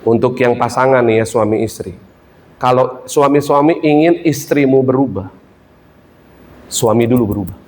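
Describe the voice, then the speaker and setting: A man preaching a sermon in a ballroom service, lively and joking with the congregation. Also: medium pitch, slight background noise. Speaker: pastor.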